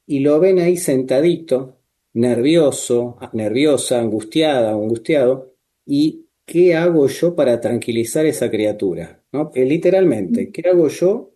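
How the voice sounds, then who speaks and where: A man talks as a therapist in a calm, measured way, often tagging his points with short questions. His voice is mellow and dark, at a middle pitch. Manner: measured, with frequent tag questions. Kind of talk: calm explanatory talk.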